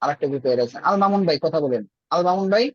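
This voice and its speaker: A man's voice: on the high side, lively intonation, rapid-fire, husky, no echo, dull audio. A man teaching Arabic in an online class, explaining patiently with everyday examples. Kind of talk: online class over a group call.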